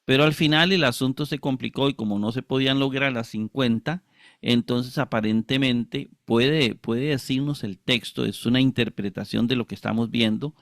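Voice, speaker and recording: In a dry, clean studio recording, a medium-pitched male instructor works through ancient manuscripts for a lesson on Greek Bible exegesis. His delivery is slow and careful as he breaks Greek words into syllables, frequently clearing his throat and tacking on questions that seek the listener's agreement.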